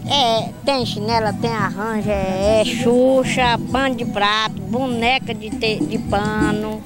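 A woman's voice: a little high, fairly even intonation, takes it slowly, loud music behind the voice. An older woman artisan at an outdoor fair, talking plainly into a handheld mic and repeating tag questions. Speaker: artisan participant. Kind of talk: street interview. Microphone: handheld reporter mic.

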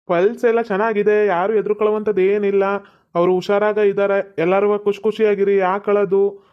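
A boastful cartoon village doctor, voiced by a man, lecturing the family and reassuring them. His voice is high for a man, smooth and resonant, and held on a flat, even pitch. The sound is dull and lo-fi. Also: natural voice.

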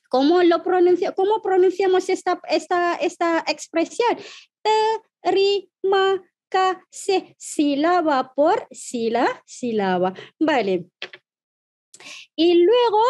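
High-pitched Malaysian woman teaching slowly. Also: a little mellow. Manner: friendly, checks in with "¿vale?" often; spells out letters and syllables slowly. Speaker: language teacher. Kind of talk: online lesson.

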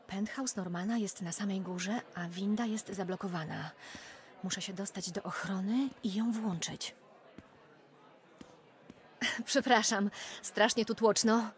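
A woman's voice: medium pitch, steady tone, slow, pauses often, natural voice. A woman voicing a determined, wry young reporter sneaking around in a dubbed video game. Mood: friendly, focused. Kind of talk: dubbed video game acting with muttered self-talk. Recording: game music under the voice.

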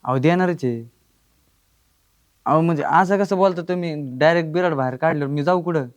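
A man's voice: a little high, fairly quick, natural voice. An actor playing a poor young husband who lied about his wealth, pleading and evasive. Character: broke young husband, sheepish liar, pleading. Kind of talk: comic village drama acting.

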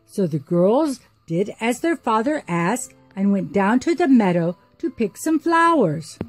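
A woman's voice: medium pitch, measured pace, faint music behind. Woman reading a rhyming storybook. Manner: sing-song, expressive. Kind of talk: storybook narration in rhyme.

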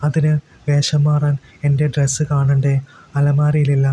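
A man's voice: fairly high pitch, completely flat delivery, unhurried, dark tone, slight background noise, lightly acted. A man voicing an angry older sister. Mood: annoyed. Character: hot-tempered young woman, elder sister.

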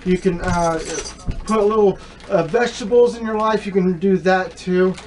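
A man's voice: high voice, normal speed, darkish tone, slight background noise, rough recording. A young man hosting a casual home cooking demonstration in a small kitchen, rambling with many fillers and restarts, recorded on the camera mic. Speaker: home cooking video host. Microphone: camera mic, filming himself at the stove.

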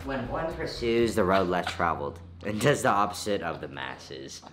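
A man's voice: low voice, sing-song, normal speed, a bit bright, soft background music. A man co-hosting a vlog, reading aloud in a mock-dramatic, joking way. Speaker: vlog co-host. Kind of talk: casual joking vlog banter. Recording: noisy background.

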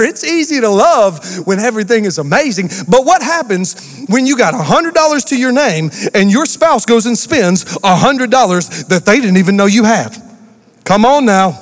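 A man preaching a sermon as pastor, animated and talking straight to the congregation with asides and call-outs. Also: high-pitched, big-room sound. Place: church auditorium.

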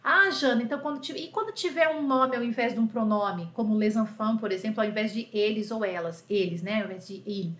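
A woman's voice: medium pitch, a little fast, hardly any pauses, a bit bright, roomy sound. A woman from Brazil teaching French in a live online class, chatty and affectionate, often checking in with her students. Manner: chatty, affectionate diminutives, frequent "tá?" check-ins.

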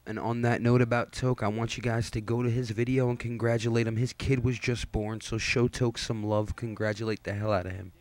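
A man's voice: medium pitch, flat delivery, brisk, hardly any pauses, a little mellow. A tired young man hosting his gaming channel, talking casually and rambling in a laid-back, self-deprecating way over gameplay.

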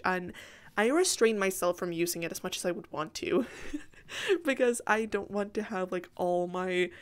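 A woman giving a casual, rambling gaming voiceover, interrupting herself with asides, her sore voice strained and cracking now and again. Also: mid-range voice. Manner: chatty, self-interrupting, apologetic asides. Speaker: gaming video creator.

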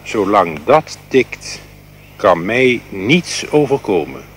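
A man's voice: fairly low pitch, big pitch swings, slow pace, slight background noise. A man playing a bashful old king. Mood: soft, shy. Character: bashful, tender-hearted old male king.

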